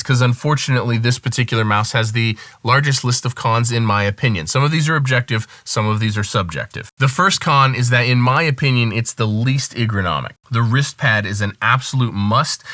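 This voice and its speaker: A man, a music producer, giving a casual product review and calmly weighing the pros and cons. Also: medium pitch, no room sound.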